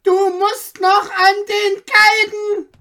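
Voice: level tone, slow pace, sharp tone, full character voice. Shrieking furious old judge. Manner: shrill, screaming threats.

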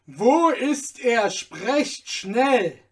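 A man voicing an impatient male servant in a storybook reading, loud and demanding. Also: high-pitched, unhurried, far from the mic.

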